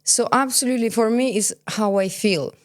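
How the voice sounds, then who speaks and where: Her voice sits fairly high and moves at a moderate pace as this podcast guest talks openly in an interview. Around forty, she works as a cosmetologist, was born in Kazakhstan and grew up in Belgium, and she likes to answer her own questions with firm, emphatic opinions.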